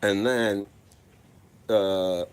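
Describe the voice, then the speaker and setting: A man's voice: on the low side, fairly even intonation, extremely slow, slight background noise. A man telling rambling, profane stories in a laid-back, casual vlog monologue. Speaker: vlogger.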